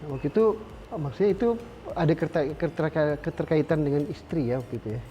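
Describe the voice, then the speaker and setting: Mellow-voiced male interviewer. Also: fairly high pitch, animated, fast talker, faint music behind. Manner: brief affirmations, probing follow-ups. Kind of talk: interview questions.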